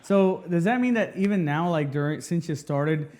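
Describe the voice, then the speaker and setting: A young man hosts a laid-back interview show and keeps it playful, laughing often and joking with his guest. His voice sits a little high for a man. He is from Texas. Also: animated, normal speed, a little mellow. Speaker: host. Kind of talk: casual interview chat.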